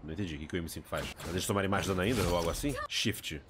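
A young man with a Brazilian accent giving casual, excitable, sweary gameplay commentary. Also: sits low, very fast, noisy background. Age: young adult. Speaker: gaming streamer.

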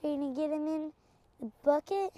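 A woman's voice: sits high, moderate pace, background noise. A young woman on a fishing boat outdoors, keeping up a chatty, wry commentary for an action camera. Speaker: vlogger, angler. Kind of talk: casual fishing vlog chat.

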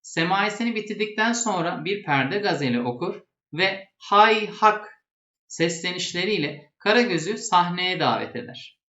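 Guy explaining stuff like a teacher, high voice, echoey dull lo-fi audio. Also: expressive, moderate pace, bright, forceful tone. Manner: didactic, restating terms plainly. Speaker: presenter explaining traditional theatre. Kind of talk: explanatory lesson.

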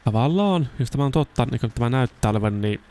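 A young man giving casual let's-play commentary, chatting to himself as he plays and now and then bursting into excited shouts. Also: medium pitch. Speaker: gaming YouTuber.

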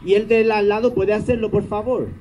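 A man's voice: high voice, fairly even intonation, brisk, mellow, a little hiss or hum, low-quality recording. A man doing stage comedy, teasing the audience in a sarcastic, mock-grumpy way.

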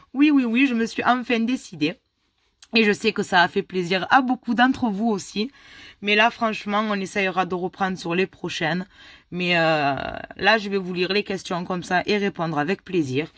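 A woman's voice: mid-range voice, normal speed, a bit bright, no room sound, studio quality. A woman in her thirties, a mother of three, chatting casually to her viewers and answering their questions in a rambling way full of fillers. She sounds tired and a little ill. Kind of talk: casual chat.

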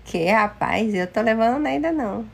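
A woman from Manaus with a Brazilian accent, hosting a casual livestream and greeting viewers one by one by name, slipping into halting Spanish. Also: a little high, lively intonation, gravelly, breathy edge. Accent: Brazilian Portuguese. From Manaus, Amazonas, Brazil. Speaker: livestream host. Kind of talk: casual live chat with viewers.

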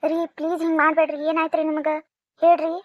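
A woman voicing a gentle, anxious young wife with a North Karnataka accent in a cartoon, pleading and soft-spoken. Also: sits high, completely flat delivery, fast talker, no echo, close to an everyday voice. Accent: North Karnataka Kannada. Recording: dry, dull lo-fi sound.

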